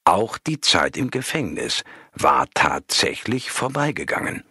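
Low, husky male audiobook reader. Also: very animated, unhurried, sharp tone, dry recording, studio quality. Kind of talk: scripted narration.

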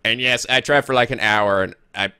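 A man's voice: mid-range voice, fairly quick, bright, forceful tone, clear, resonant tone, no echo, clean studio sound. A man giving casual, playful gameplay commentary, exclaiming and swearing freely as host. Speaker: gaming video host. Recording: game music behind commentary.

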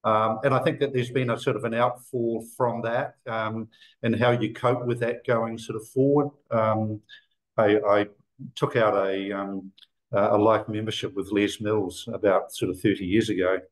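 A man's voice: fairly low pitch, steady tone, a little slow, poor audio. Rambling older man on a video call. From New Zealand. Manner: rambling, many fillers and restarts. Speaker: guest. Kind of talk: casual video-call conversation. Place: office room indoors.

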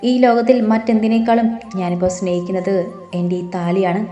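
A tearful, pleading young bride from a storybook, wronged and hurt, read by a woman in her own voice. The tone is mellow and soft, heard in a roomy space. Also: medium pitch, steady tone, brisk, muffled recording, faint music behind, lightly acted.

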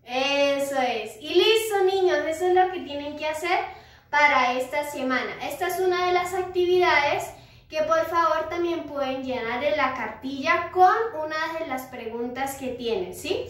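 A woman teaching music to young children, gentle and patient, often checking in with the kids. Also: high-pitched, unhurried. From Colombia. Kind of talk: recorded lesson for young children. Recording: echoey room, far from mic.

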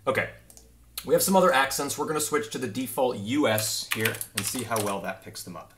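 Sitting at the desk of his small home office with a monitor, a twenty-something game developer demos his work in a brisk, mid-range male voice. The background is noisy. He explains things casually and easily, using lots of filler words.

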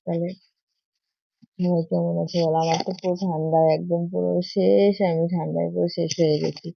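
A woman, hoarse from a cold, chatting in a rambling, repetitive way to her viewers in a casual morning vlog. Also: fairly low pitch, little pitch movement, fairly quick, a little hiss or hum. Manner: rambling, repetitive, keeps asking viewers if they follow. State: hoarse from a cold and sore throat. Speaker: vlogger. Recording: tinny phone-like audio.

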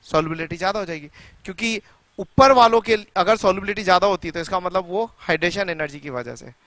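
A middle-aged male teacher lecturing a class in a high, bright voice. He keeps firing rhetorical questions at his students and repeats key points for emphasis. The sound is close and dry. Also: fast talker, no room sound. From India. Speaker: chemistry teacher.

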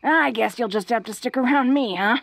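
A woman voices a tough, flirty, secretly awkward female orc in an intimate romantic audio roleplay, her delivery hesitant, folksy and teasing. Her voice sits a little high with some vocal fry, and she keeps a moderate pace. The mood comes across as tender and teasing.

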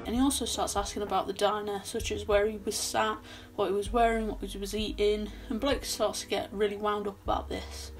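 A woman's voice: mid-range voice, flat delivery, fairly quick, soft background music. A young woman recapping a horror film in a casual, chatty way with sarcastic asides, filmed in a small bedroom at her desk. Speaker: film reviewer.

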